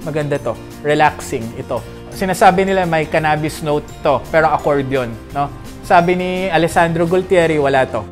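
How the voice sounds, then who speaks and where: A man's voice: fairly high pitch, moderate pace, faint music behind. A man from the Philippines hosting a casual perfume review vlog, chatty and jokey, constantly checking in with his viewers. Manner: chatty, peppers talk with tag questions; animated, jokey asides.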